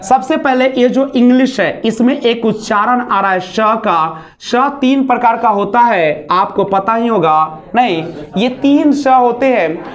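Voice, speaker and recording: A man's voice: extremely high pitch, unhurried. A man teaching a basic spoken English class. He demonstrates sounds aloud, mixes English phrases into his speech and asks rhetorical questions. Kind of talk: classroom lesson.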